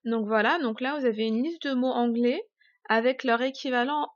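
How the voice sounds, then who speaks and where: A woman with a fairly high voice gives a casual online lesson, chatty, with lots of fillers and self-corrections. She slows down to stress example words. The recording sounds dull and dry. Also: dry recording. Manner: chatty, many fillers and restarts. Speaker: English teacher. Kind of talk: YouTube pronunciation lesson.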